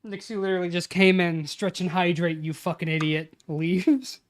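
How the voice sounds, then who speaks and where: During a casual livestream, a streamer in his late twenties murmurs phrases aloud while typing up a tabletop campaign, then slips into chatty banter with friends, swearing freely. He speaks at a moderate pace in a voice that sits high.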